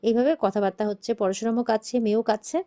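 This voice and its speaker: Fast-talking woman. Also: a little high, steady tone, mellow. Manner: retells dialogue with constant "she says" tags. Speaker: serial recap narrator. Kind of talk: casual episode recap.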